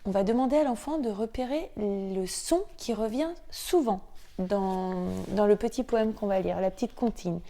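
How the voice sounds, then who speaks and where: A woman teacher presenting reading tools in a tutorial, hesitant, with many fillers and restarts, slowing down to chant syllables in her demonstrations. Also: mid-range voice, mellow.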